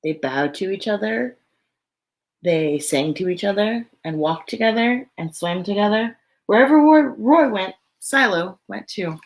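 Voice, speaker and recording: A woman reads a picture book aloud to children, telling the story expressively and slipping in casual, chatty asides. Her voice is medium-pitched and her pace measured.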